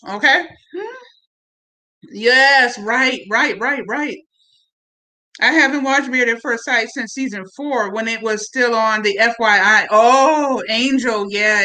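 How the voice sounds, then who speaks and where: High, bright-voiced chatty woman streamer. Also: poor audio. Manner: chatty, slangy, repeats words, talks to viewers. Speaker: live-stream host. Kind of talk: casual reality-TV recap chat.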